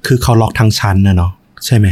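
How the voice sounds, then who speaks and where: A man co-hosting a podcast, reacting with short murmurs and quick clarifying questions. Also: on the low side, darkish tone, breathy edge. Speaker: podcast co-host. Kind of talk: listening and reacting.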